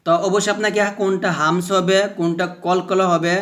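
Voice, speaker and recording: A man teaching Quran pronunciation, slowly drilling the letter sounds again and again. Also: high-pitched, level tone, a bit bright. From Bangladesh. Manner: slow, repeats letter sounds over and over as drills. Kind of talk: pronunciation lesson.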